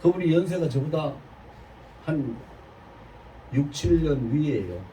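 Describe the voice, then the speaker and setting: A man's voice: fairly high pitch, expressive, a little slow, warm tone. A pastor in his seventies giving a sermon, telling a personal story in an earnest, confessional way. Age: 70s. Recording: distant mic, faint noise.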